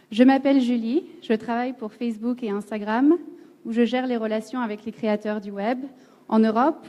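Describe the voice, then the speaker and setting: Bright-voiced woman moderating a panel. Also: a little high. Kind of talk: formal panel introduction. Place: event hall. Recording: long hall reverb.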